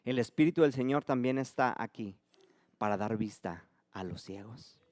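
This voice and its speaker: A man preaching a sermon as pastor, swinging between loud emphatic calls and soft, dropped lines. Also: mid-range voice, moderate pace, dry recording.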